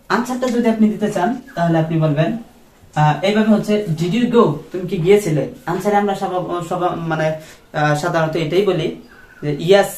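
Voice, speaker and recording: A man's voice: a little high, a little mellow, roomy sound. A man with a Bengali accent teaching a beginners' English class at a whiteboard, repeating each phrase and translating it. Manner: slow, repetitive drilling of phrases with translations.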